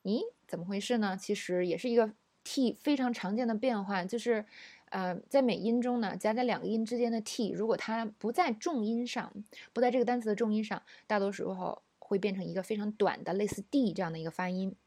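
Female pronunciation teacher, middle pitch, dry close sound, patient explaining and clear model words. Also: steady tone, brisk, dark tone, no echo. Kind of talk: recorded language lesson.

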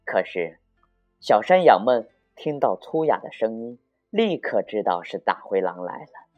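A man narrating a children's story in a slow, expressive, sing-song way. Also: fairly low pitch, lo-fi sound, soft background music.

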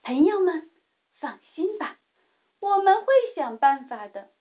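A woman voicing two brave little girls in a children's storybook, speaking briskly and firmly, over a tinny phone-like line. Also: high voice, very animated, pitched above the performer's own voice. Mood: determined. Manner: brisk, reassuring then defiant. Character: two brave little girl heroes, reassuring. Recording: tinny phone-like home recording.

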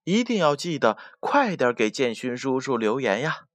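A man narrating a children's bedtime story, speaking gently and directly to the little listeners. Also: mid-range voice, big pitch swings, moderate pace, no echo.

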